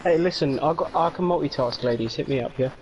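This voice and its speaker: A man's voice: a little high, fast. A man co-hosting a podcast, cracking teasing jokes in casual banter. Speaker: podcast co-host. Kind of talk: casual chat. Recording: dull lo-fi mic with clear noise.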